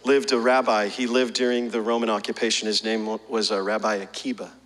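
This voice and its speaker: A man's voice: on the low side, level tone, a little fast, a bit bright, long reverb tail. A male pastor preaching a sermon, telling a story and then pressing the congregation with repeated questions.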